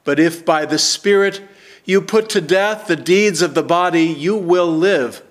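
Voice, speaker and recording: Older guy pastor reading scripture real slow, kinda high voice, church sanctuary. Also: soft background music. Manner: slow, measured, emphatic reading.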